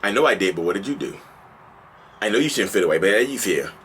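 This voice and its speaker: A man putting on a childish narcissist, mocking sing-song, dropped low, bright tone. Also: expressive, fast, recorded from a distance, a little hiss or hum. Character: childish blame-shifting narcissist, dismissive adult.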